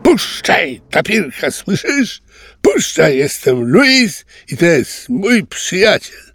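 Mężczyzna czytający bajkę podkłada głos ciekawskiemu, gadatliwemu młodemu ocelotowi. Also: male voice, high voice, slow, no echo, studio quality, pitched above the performer's own voice, exaggerated voice. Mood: fierce. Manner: lively, hesitant. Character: curious young male ocelot cub, chatty and naive. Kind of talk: storybook reading.

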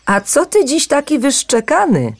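A woman voicing a group of cheeky, squeaky little living stones that tease and jeer. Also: huge pitch swings, normal speed, exaggerated voice. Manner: teasing, jeering.

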